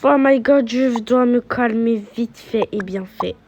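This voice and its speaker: Excitable woman narrating her play, bright high voice. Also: a little slow, lo-fi sound, a little hiss or hum. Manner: playful, excitable. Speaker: game player. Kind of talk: casual game commentary.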